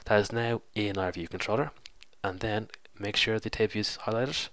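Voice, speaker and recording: Still congested from a cold, the tutorial host explains code step by step in a casual screen recording, correcting himself as he proceeds. His fairly low, slightly bright voice keeps fairly even intonation at a moderate pace, and the recording is dry.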